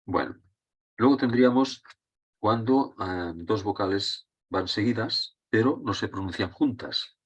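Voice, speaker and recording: Deep husky male Spanish teacher. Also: a little slow, lo-fi sound. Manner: explanatory, checks in with students. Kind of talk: lesson on Spanish accent rules.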